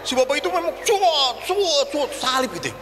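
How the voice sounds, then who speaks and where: Lively high-voiced priest in an echoing hall. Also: male voice, a little fast. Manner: lively storytelling, acting out quoted voices. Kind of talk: humorous homily. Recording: reverberant hall with faint ambient noise.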